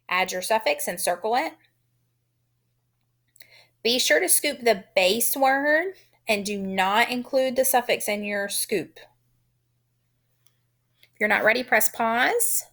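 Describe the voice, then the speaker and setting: A woman teaching a phonics lesson, sounding out letters and syllables in a deliberate, encouraging way. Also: a little high, fairly bright tone.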